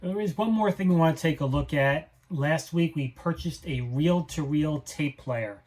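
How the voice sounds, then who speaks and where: A man with a fairly high, slightly mellow voice talks at normal speed while hosting his own flea market reseller vlog. He shows off items in a casual, unscripted, plain-spoken and matter-of-fact way.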